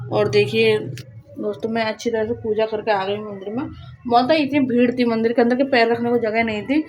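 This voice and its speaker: Hoarse chatty woman, flat pitch. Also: slight background noise, poor audio. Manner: rambling, chatty, with restarts. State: hoarse, sore throat. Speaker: vlogger. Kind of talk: casual vlog chat to viewers. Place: home, indoors.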